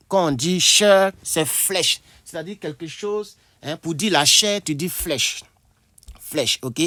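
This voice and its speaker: A man teaching an English lesson at a board, slowly repeating himself and thinking aloud. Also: a little high, fairly bright tone, no room sound. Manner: slow, repetitive, thinking aloud with asides.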